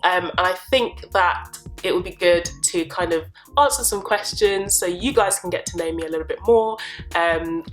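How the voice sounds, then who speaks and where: A young woman talks through personal questions in a relaxed, rambling vlog. Her voice sits a little low for a woman, and she fills the gaps with ums and quick laughs. Faint music plays behind her. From born in Uganda, grew up in South East London. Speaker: property investor and vlogger. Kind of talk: casual get-to-know-me vlog.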